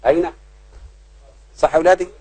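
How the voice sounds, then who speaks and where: A man's voice: fairly high pitch, steady tone, rapid-fire, darkish tone, husky, rough recording. A man with an Egyptian Arabic accent explaining grammar to his pupils, checking again and again whether they have understood. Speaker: grammar teacher.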